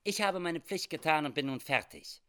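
A man doing a cool hired scout, measured and matter-of-fact. He keeps close to the reader's own voice with a lively, story-telling lilt, in a spoken adventure tale. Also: fairly high pitch, smooth, voice pushed up. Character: calm hired male frontier scout.

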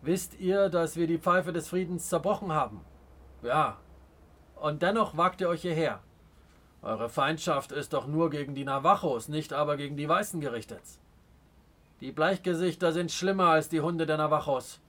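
Guy reading a stern proud chief, scornful and slow, bit high voice. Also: fairly bright tone. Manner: scornful, commanding, slow and weighty. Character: proud stern adult male Native chief. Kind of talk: audiobook character reading.

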